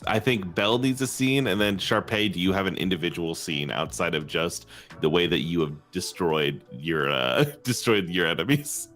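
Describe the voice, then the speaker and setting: A man's voice: sits low, moderate pace, a bit bright. A man working as game master, mixing improvised tabletop narration with banter. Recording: music behind the voice.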